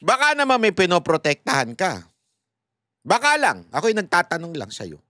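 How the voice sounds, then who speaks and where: A man delivering mocking, fired-up political commentary, his high voice swinging widely up and down. The sound is close and dry, with no room around it. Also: wildly swooping pitch, moderate pace, sharp tone, no echo. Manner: mocking, heated and sarcastic, addressing viewers directly. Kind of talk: casual political commentary to viewers.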